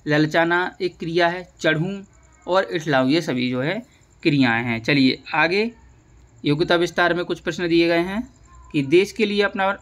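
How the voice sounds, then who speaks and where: A man's voice: a little high, a bit bright. A man teaching a school lesson, explaining patiently and repeating key words so students can follow.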